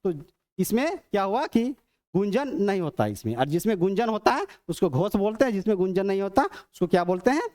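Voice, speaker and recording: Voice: medium pitch, sing-song, a little mellow. Teacher sounding out letters. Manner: repeats, asks and answers own questions; sounds out letters slowly and drawn out. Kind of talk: demo class on phonetics.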